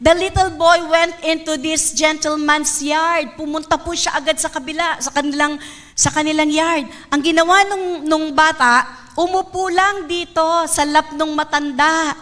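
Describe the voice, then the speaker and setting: A woman with a Filipino accent preaching a sermon, calling for amens and slowing down on key lines. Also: sits high, fairly even intonation, fairly bright tone. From Philippines. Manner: emphatic, calls for amens, draws out key words. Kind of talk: sermon mixing Filipino and English.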